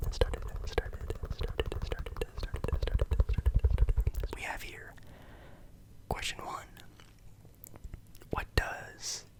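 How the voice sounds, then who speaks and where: A man hosting in a whispered ASMR style, very close, as if right in the listener's ear. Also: fairly bright tone. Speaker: ASMR video host.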